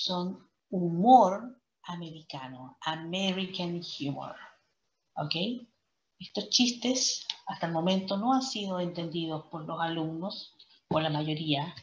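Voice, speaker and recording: Woman teaching english online, lowish voice, says "ok?" constantly, muffled lo-fi audio. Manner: peppers speech with "¿cierto?" and "¿ok?". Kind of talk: online class lecture.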